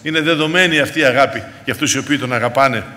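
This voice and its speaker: A man's voice: medium pitch, sharp tone. Fervent preacher man in an echoing hall. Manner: fervent, repeatedly addressing the congregation as brothers. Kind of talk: sermon. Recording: reverberant hall with faint background noise.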